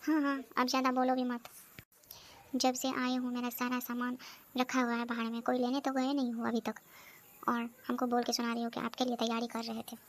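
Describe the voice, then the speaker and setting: A woman's voice: fairly high pitch, completely flat delivery, fairly quick, a little hiss or hum, close to an everyday voice. A woman voicing a bossy, hot-tempered married sister on a visit in a comedy cartoon, who scolds and complains constantly. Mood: scolding. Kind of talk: cartoon voice acting.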